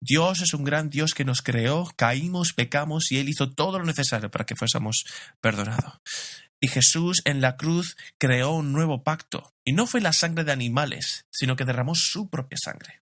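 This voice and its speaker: A man's voice: fairly high pitch, moderate pace, fairly bright tone, no echo, studio quality. A middle-aged man, a pastor, preaching a sermon in a conversational way, asking rhetorical questions and telling personal stories.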